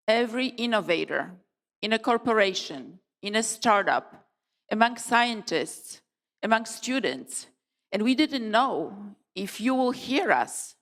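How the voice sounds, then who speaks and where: Middle-aged woman w opening a conference, slow emphatic pauses, big hall echo. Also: medium pitch. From Poland. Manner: measured, emphatic delivery with deliberate pauses. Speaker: conference co-founder giving opening speech. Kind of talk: formal opening speech. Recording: long hall reverb.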